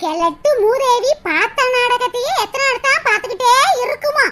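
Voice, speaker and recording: A woman's voice: very high-pitched, expressive, normal speed, pitched below the performer's own voice. A woman voicing a tired, resentful young daughter-in-law in a cartoon. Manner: resentful, muttering complaints. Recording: distant voice with loud noise.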